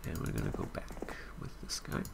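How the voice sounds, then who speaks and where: A man's voice: moderate pace, very noisy. A man hosting a let's play, thinking aloud in casual gameplay commentary, swearing freely and laughing at his own mistakes.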